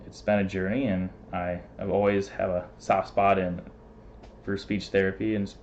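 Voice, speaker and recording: A man talking fast as a guest in a casual interview, with lots of fillers and frequent laughs. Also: deep voice, level tone, a little mellow, lo-fi sound, a little hiss or hum. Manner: talks fast, laughs often, many fillers.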